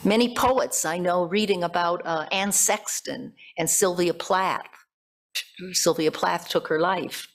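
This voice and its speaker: Her fairly low voice moves a little slowly as this middle-aged American woman preaches from a church pulpit. The pastor's reflective sermon unfolds phrase by phrase into a gooseneck pulpit microphone, with questions posed to the congregation.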